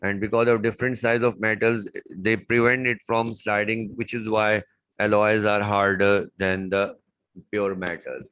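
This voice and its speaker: A man's voice: fairly low pitch, level tone, a little slow, fairly bright tone, clean tone, no echo, rough recording. A man tutoring chemistry, walking through exam questions step by step and repeating key words. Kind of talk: exam paper walkthrough lesson.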